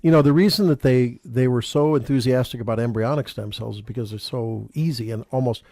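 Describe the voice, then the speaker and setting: A man's voice: mid-range voice, fairly quick, dark tone, dry recording, studio quality. A man hosting a health radio show as a doctor, chatting casually, laughing easily and often restarting his sentences.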